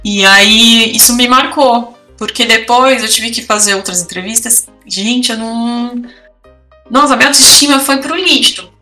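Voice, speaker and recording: A woman's voice: a little high, unhurried, bright, forceful tone, far from the mic, soft background music. A woman, co-hosting a podcast, telling personal stories in casual chat with lots of feeling. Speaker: podcast co-host.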